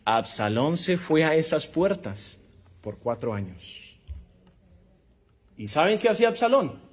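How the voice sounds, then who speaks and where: Husky, emphatic man preaching. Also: on the high side, sing-song, unhurried. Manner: emphatic, asks the congregation rhetorical questions and calls for amens. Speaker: preacher teaching a Bible class. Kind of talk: sermon-style Bible lesson.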